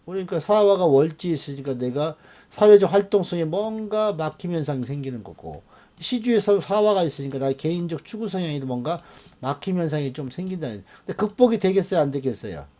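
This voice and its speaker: Lively man lecturing a class. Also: fairly high pitch, a little fast. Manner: lively, often checks in with students. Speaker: fortune-telling teacher. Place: classroom with students.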